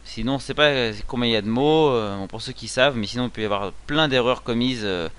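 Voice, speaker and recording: Guy teaching how to read hebrew, bright clear voice, lots of euhs, spells stuff out slow. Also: mid-range voice. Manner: explains patiently with frequent fillers, sounds out words slowly. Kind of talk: spoken reading lesson.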